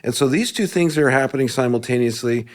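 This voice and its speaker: A man speaking as a guest on a panel discussion, measured and explanatory. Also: medium pitch. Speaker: panel guest, tech executive.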